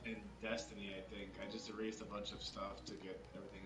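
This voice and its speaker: A man's voice: fairly low pitch, level tone, fast, a bit bright. A man chatting casually with a friend about games, rambling and laughing easily. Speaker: friend on voice chat. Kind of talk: casual gaming chat. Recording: echoey, game music behind.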